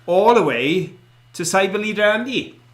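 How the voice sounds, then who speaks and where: A man's voice: high voice, lively intonation, moderate pace. A middle-aged man with a South Wales Valleys accent, co-hosting an online show and chatting casually to viewers. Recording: roomy, echoey indoor sound.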